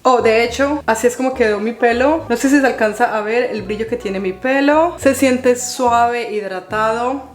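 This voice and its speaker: A woman's voice: fairly high pitch, moderate pace, few pauses, reverberant. A woman in her thirties talking casually to camera as a vlogger, earnest and encouraging toward the viewer. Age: 30s. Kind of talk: casual vlog talk to camera.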